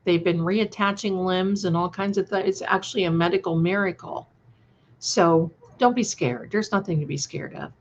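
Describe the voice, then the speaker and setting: On a dull, lo-fi livestream with slight background noise, a woman who hosts and created the channel chats casually with viewers. Her voice sits on the low side at a moderate pace, and her replies are scattered, conversational and gushing, full of affectionate endearments.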